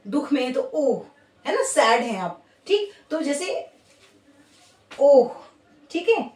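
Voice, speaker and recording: Lively high-voiced woman teaching grammar. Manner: explains patiently, repeats words, asks and answers own questions; mixes English words into Hindi. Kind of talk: Hindi grammar lesson. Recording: echoey room, voice a bit far from mic.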